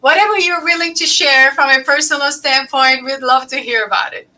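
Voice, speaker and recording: A middle-aged woman from Lebanon hosts a podcast interview in a casual, halting way, often restarting her sentences. Her voice sits fairly high and sounds bright and forward. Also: a little hiss or hum, poor audio. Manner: halting, many fillers and restarts. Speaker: podcast host.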